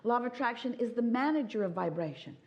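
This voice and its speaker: A woman's voice: a little high, animated, fast talker, muffled recording. A woman giving a motivational seminar talk, speaking as a collective "we" and repeating points for emphasis. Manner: emphatic repetition. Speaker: inspirational speaker.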